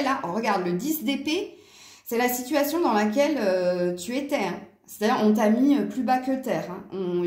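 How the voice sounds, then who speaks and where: A woman's voice: on the high side, darkish tone. A woman giving a casual tarot reading to her viewers, chatty and hesitant with many fillers, sounding tired. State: tired from poor sleep. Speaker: tarot card reader. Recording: echoey room.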